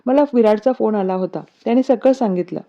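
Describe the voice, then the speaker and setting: A woman's voice: mid-range voice, fairly quick, natural voice. Woman reading a sulky irritated young woman. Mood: shocked. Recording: dull lo-fi recording.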